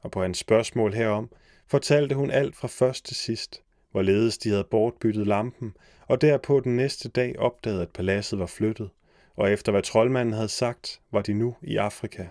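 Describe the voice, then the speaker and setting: A man narrating a fairy tale in a measured, old-fashioned storybook reading. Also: on the low side, darkish tone, no echo, clean studio sound.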